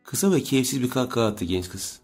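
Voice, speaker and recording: A man reads an audiobook in a steady, measured voice. His tone sits low. Soft music runs faintly underneath. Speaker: audiobook narrator. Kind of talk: scripted narration.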